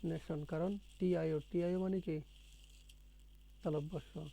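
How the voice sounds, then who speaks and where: Slow, patient tutor. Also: male voice, a little high, steady tone, gravelly, mellow, low-quality recording. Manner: patient, repeats words and quizzes the student. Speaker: English teacher. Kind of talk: one-on-one spoken English lesson.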